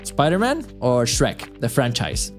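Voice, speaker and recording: Soft music plays behind a tired man who talks to himself on a casual solo live stream, restarting often and chuckling as he rambles. His medium-pitched voice moves through huge pitch swings at an unhurried pace.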